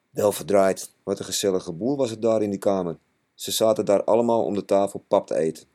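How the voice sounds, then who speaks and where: Man reading a storybook in a low mellow voice. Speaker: narrator.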